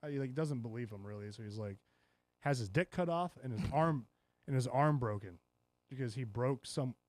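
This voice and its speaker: A man's voice: mid-range voice, moderate pace, dry recording. A man hosting a podcast, recapping a show in casual chat and acting out the characters' lines as he tells it. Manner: animated storytelling, acts out characters' lines. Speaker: podcast host.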